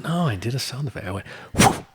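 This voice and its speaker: A man co-hosting a casual podcast, excitable, often repeating his words as he tells a story. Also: medium pitch, racing, breathy edge. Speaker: podcast co-host. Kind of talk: casual chat.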